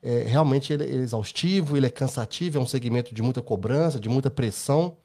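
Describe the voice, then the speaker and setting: Brazilian male co-host, mellow warm tone, casual rambling storyteller, Brazilian accent. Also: mid-range voice, fast talker. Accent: Brazilian Portuguese. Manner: anecdotal, rambling, tag questions. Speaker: podcast co-host. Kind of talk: casual podcast chat.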